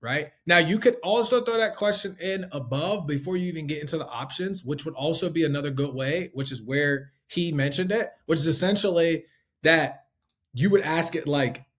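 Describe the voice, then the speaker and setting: A man teaches life insurance sales loosely and conversationally, packing his casual lesson with fillers and tag questions. He speaks at a normal speed in a slightly high, somewhat bright voice.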